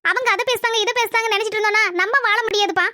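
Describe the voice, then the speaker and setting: A woman's voice: fairly even intonation, dry recording, studio quality. A woman voicing a caring, sensible young village daughter in a cartoon comedy. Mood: concerned. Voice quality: high, bright, quick.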